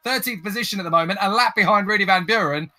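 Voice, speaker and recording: A man calling a motor race live as a commentator, with an excitable, dramatic delivery and colourful turns of phrase. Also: high voice, fast talker.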